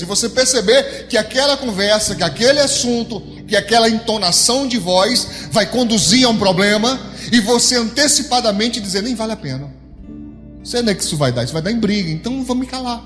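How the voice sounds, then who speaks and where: Brazilian male pastor, high tenor, emphatic sermon delivery with sweeping pitch, speaks straight to the congregation; long room echo, soft music bed. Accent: Brazilian Portuguese. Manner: emphatic preaching with big pitch swings, addressing the congregation directly. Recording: long hall reverb with soft background music.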